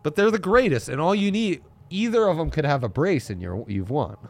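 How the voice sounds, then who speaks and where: Animated, jokey male betting podcast co-host. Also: on the high side, a little fast. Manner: jokey, animated, laughs often. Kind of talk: casual banter.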